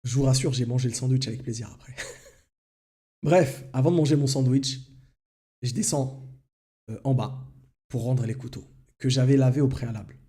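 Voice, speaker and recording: A man hosting a live stream, telling a personal anecdote in an animated way and addressing his audience directly. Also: mid-range voice, normal speed, pauses often. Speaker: religious talk host.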